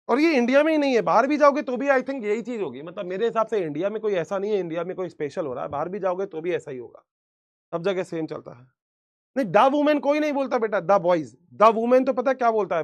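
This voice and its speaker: High-voiced joking male teacher. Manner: chatty, teasing, laughs often. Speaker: online biology teacher. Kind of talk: casual joking live class.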